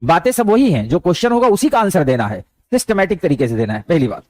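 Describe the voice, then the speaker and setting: Male teacher, high voice, dry close sound, chatty storytelling lecture. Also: very animated, fast, a little mellow, dry recording. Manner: conversational, anecdotal, mixes English words into speech.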